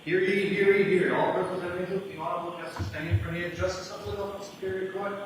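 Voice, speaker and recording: A man acting as court crier, reciting the formal opening proclamation rapidly. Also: high-pitched, level tone, roomy sound, background noise.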